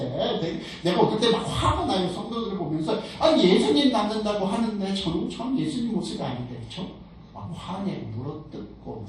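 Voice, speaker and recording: Male pastor preaching in a nursing home chapel, asks the room questions, distant mic, faint hum behind. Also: sits high. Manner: questions the congregation and rises to emphatic peaks. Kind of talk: sermon. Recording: echoey chapel recorded from a distance.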